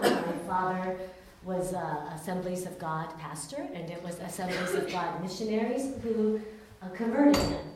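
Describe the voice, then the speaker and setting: Her voice is medium in pitch and a little mellow as she, a Taiwanese-born woman raised in California, earnestly relates her personal testimony in a candid, storytelling way. Faint noise, a distant mic, and heavy room echo mark the recording.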